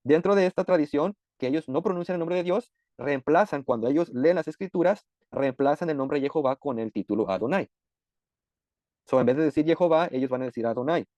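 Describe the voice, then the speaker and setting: A man teaching a sermon-style Bible lesson, explaining patiently frequent "eh" pauses. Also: on the high side, a little mellow, no room sound.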